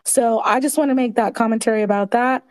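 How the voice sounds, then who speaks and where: High-voiced woman in her forties, earnest. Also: steady tone, quick pace, a little mellow. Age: 40s. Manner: earnest, explains point by point. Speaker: guest commentator. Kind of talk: casual live audio chat.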